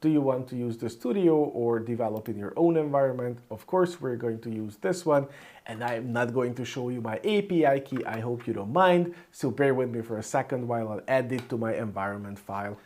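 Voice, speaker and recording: A Hungarian-native man with a medium-pitched, slightly mellow voice moves briskly through an informal screencast coding tutorial, thinking aloud as he types. You can clearly hear the keyboard and mouse clicking in the background.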